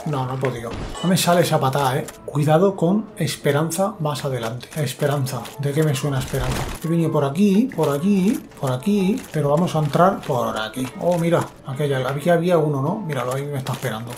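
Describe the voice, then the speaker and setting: A man with a Spain Spanish accent giving chatty, excitable gameplay commentary, talking to himself and his viewers. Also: a little high, brisk, few pauses. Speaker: gaming YouTuber. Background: game music.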